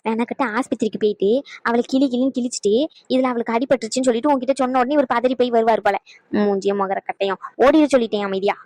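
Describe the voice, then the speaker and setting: A sharp-tongued old village grandmother, as a woman acts her out in a cartoon. She scolds in a high, fiery voice and rattles her words off at great speed. The sound is dry and close. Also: fast, dry recording, lightly acted. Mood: scolding. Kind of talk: cartoon voice acting.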